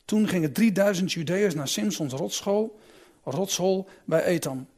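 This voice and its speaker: A man's voice: high-pitched, unhurried, darkish tone. A man reading a Bible passage aloud and then explaining it in a musing, conversational way with a few restarts.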